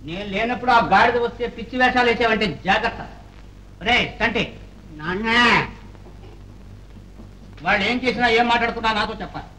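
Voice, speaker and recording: A fussy, bossy village father with a very high, piercing voice, scolding in a rapid stream. He sounds set back from the mic, with faint hiss on the old film soundtrack. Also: bright, forceful tone, distant mic, rough recording. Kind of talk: 1960s film comedy acting.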